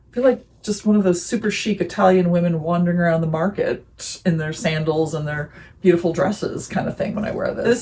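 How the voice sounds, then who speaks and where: A chatty woman vlogger talks through her wardrobe in a relaxed, casual way. She gushes with enthusiasm over each piece. Faint noise hums behind her voice. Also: fairly low pitch. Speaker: fashion vlogger. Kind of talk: casual chat.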